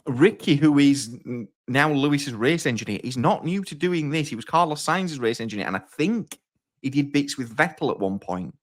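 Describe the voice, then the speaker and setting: A man's voice: medium pitch, lively intonation, moderate pace. A man co-hosting a sports podcast in casual chat, recounting events in a wry, dry way. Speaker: podcast co-host.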